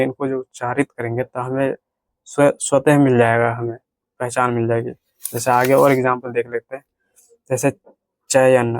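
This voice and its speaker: A man teaching a grammar lesson, explaining slowly step by step and repeating himself. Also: mid-range voice, no room sound. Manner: repetitive, slow step-by-step explaining.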